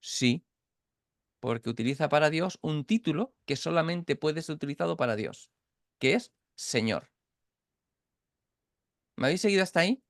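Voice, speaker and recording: A man's voice: a little high, expressive, normal speed, pauses often, no room sound, clean studio sound. A man from Catalonia teaching an informal Bible study over a video call, explaining step by step with frequent restarts and checks for understanding. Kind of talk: informal online Bible class.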